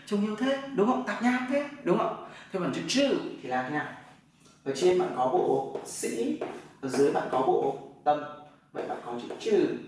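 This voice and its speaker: Teacher in an echoey room. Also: male voice, on the high side. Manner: explains step by step, often asks "right?" to check. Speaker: Chinese language teacher. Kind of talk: classroom lesson. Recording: echoey room from far off, faint noise.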